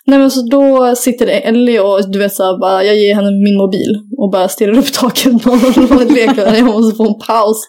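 A podcast co-host, a young woman with a warm mid-range voice, tells a rambling story in casual chat. She rarely pauses and fills her talk with fillers and offhand swearing.

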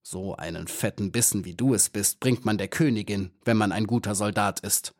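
A man's voice: fairly low pitch, moderate pace, no echo, studio quality, natural voice. A man voicing a menacing hornet soldier who speaks with mocking, false friendliness and grim threats in an audiobook. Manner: sneering, falsely sweet, grim. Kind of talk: audiobook character voice.

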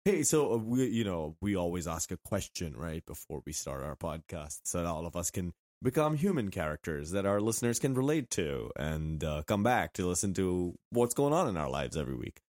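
Male podcast host, wry and casual, hoarse smoker-like rasp, lowish pitch, close dry sound. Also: very animated, a little fast, few pauses, darkish tone, no echo. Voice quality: gravelly, raspy voice. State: hoarse from a throat infection. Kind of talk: casual sports podcast chat.

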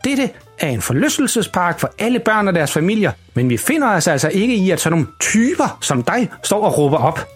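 Brief: man voicing woman attendant, formal, stern, pitched up, husky underneath. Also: very animated, few pauses, soft background music, full character voice. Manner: firm, formal announcer tone. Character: strict woman park attendant.

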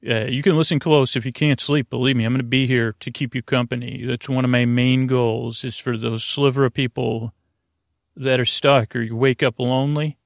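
A man with a creaky, gravelly, medium-pitched voice hosts a sleep podcast, drifting through a halting bedtime monologue. He restarts often and wanders off into whimsical, punning, silly tangents. The studio sound is clean and echo-free.

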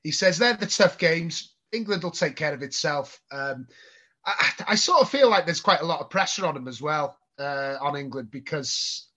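A man's voice: on the high side, lively intonation, moderate pace, bright, forceful tone. A man chatting casually about football on a podcast, hesitant, with lots of ums. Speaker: podcast guest. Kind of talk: casual chat. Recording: slightly muffled audio.

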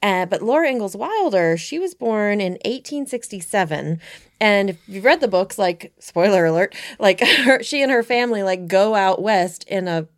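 A woman's voice: mid-range voice, expressive, moderate pace. Chatty woman podcast cohost, voice bouncing all over, lots of like and you know. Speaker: podcast co-host. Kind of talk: casual chat.

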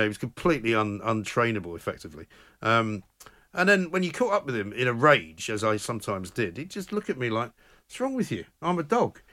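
A British man co-hosting a podcast, chatting casually and telling lively anecdotes. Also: lowish voice. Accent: British English. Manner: lively storyteller, puts on voices in quotes. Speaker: podcast co-host.

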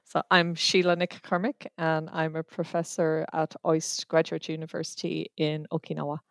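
A woman's voice: sits low, completely flat delivery, moderate pace, vocal fry, no echo, clean studio sound. A woman from Ireland, a professor, explaining things precisely in an interview. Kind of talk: interview testimony.

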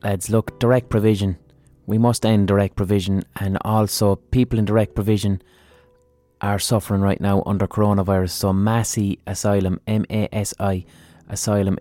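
A man's voice: lowish voice, warm tone, dry recording. An Irish man hosting a podcast, talking casually and earnestly with some swearing. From Ireland. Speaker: podcast host. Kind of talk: casual spoken podcast introduction and interview.

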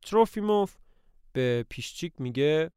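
A man's voice: fairly high pitch, animated, mellow, clear, resonant tone, no room sound, clean studio sound. A man narrating a retelling of a stage play in a plain storytelling way.

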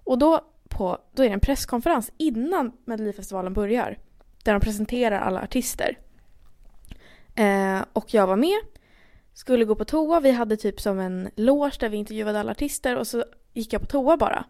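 A young woman from Sweden, co-hosting a podcast and telling an embarrassing story in casual, animated chat. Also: on the high side. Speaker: podcast co-host.

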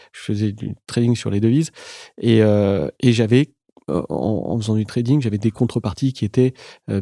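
A middle-aged man recounts his early business days in a relaxed, mellow voice. He talks haltingly, full of fillers and restarts. The sound is dry and close. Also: lowish voice, dry recording. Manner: hesitant, many fillers and restarts. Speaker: entrepreneur guest. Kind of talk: casual interview storytelling.

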